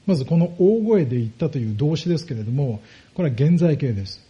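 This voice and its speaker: A pastor preaching a sermon, explaining step by step and putting rhetorical questions to the congregation. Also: male voice, fairly high pitch, lively intonation, quick pace, warm tone, dull audio.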